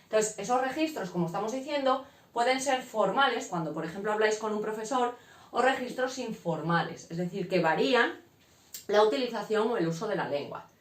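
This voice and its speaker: Teacher explaining in an echoey room. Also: female voice, medium pitch, expressive, brisk. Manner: frequent "¿vale?" check-ins, explanatory. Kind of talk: casual classroom lecture.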